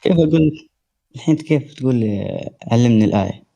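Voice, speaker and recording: A man's voice: mid-range voice, expressive, fast, gravelly, dark tone, muffled recording. A man calling into a live debate, speaking colloquial dialect with hesitant fillers. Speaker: caller.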